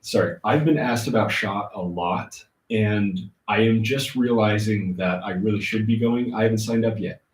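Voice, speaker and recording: A man hosting a casual livestream, answering chat comments informally and thinking aloud in a halting way. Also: lowish voice. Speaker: livestream host. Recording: roomy, muffled, distant laptop-like mic.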